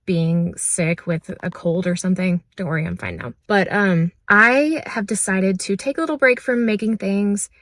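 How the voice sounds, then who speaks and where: Still hoarse from a cold that took her voice, this young Texan vlogger and maker talks at a normal speed with few pauses, her medium-pitched voice a bit bright and free of room sound. She's chatty and upbeat, dropping plenty of "like" and "uh" fillers over background music as she goes from her car to estate sales.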